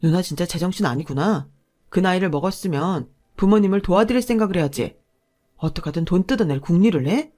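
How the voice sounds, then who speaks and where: A woman's voice: fairly low pitch, expressive, fairly quick, mellow. Fed-up married man as a woman voices him, blunt, exasperated, storybook drama.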